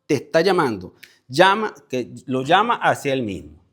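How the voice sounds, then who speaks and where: A male preacher gives a conversational Bible lesson to a gathered congregation. He walks through word meanings one step at a time, calls on listeners by name and repeats key words for emphasis. His voice sits at an ordinary middle pitch. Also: very animated, normal speed, a bit bright. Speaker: preacher leading a Bible study. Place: church meeting with a congregation present.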